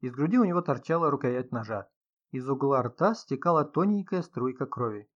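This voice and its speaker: A man reading a detective story aloud in a steady, measured, dramatic narration. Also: medium pitch. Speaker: audiobook narrator. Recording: slightly dull lo-fi sound.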